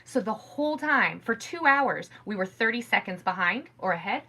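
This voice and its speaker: A middle-aged woman chatting casually on her podcast from home. Her voice is bright and sits a little high, and she rambles through her stories with animated energy. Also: normal speed. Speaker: podcast host. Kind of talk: casual chat.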